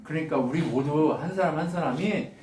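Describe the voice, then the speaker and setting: A man preaching a lively, conversational sermon as a pastor, acting out lines with humor. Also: a little high, fairly quick, background noise. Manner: animated, acts out God's lines with laughs. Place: church sanctuary. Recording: echoey room, mic from a distance.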